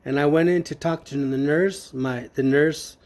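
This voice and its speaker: A man testifying before a judge, speaking earnestly and haltingly with many fillers and restarts. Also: on the high side, steady tone, a little mellow. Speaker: witness testifying in court.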